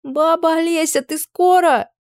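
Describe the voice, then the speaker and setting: A woman's voice: very high voice, steady tone, measured pace, dry recording, clean studio sound, pitched above the performer's own voice. A woman voicing a weepy, lovesick teenage village girl who wails and pleads. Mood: wailing. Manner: wailing and pleading.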